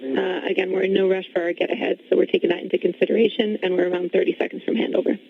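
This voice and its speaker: A woman speaks over a narrow radio link with a creaky edge and very little room sound. She is measured and polite, relaying procedures as a mission control communicator. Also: mid-range voice, fairly even intonation, dry recording.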